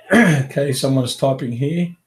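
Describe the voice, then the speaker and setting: A man's voice: mid-range voice, slow. A man with a head cold and a fading voice, rambling casually through a live webinar Q&A from his home office. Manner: casual, rambling, with many fillers and restarts. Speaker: carpet cleaning business coach.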